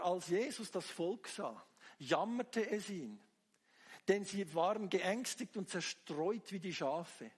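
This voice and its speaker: A man's voice: high-pitched, husky. A man preaching a sermon with fervor, firing rhetorical questions at the congregation. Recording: long hall reverb.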